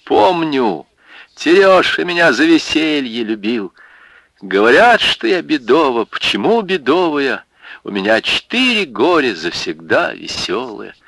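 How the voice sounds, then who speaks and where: A man's voice: medium pitch, sing-song, unhurried, creaky, fairly bright tone, no room sound, voice pushed up, full character voice, poor audio. A man voicing a bold, merry young war widow who speaks defiantly and boisterously.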